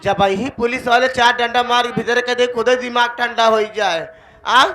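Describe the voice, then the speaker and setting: A man's voice: very high voice, fairly even intonation, normal speed, sharp tone. A man playing a protective elder sister in a folk stage drama, speaking in an insistent manner. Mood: persuading.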